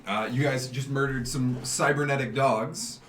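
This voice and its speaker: A man running a tabletop game as game master, narrating in a relaxed, chatty way and laughing easily. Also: mid-range voice, unhurried. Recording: echoey room with faint noise.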